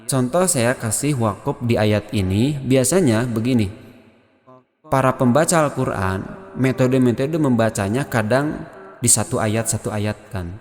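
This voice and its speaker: A man's voice: fairly low pitch, in a large hall. An Indonesian-accented man teaching Quran recitation rules, explaining step by step and chanting verses as examples. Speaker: tajwid teacher.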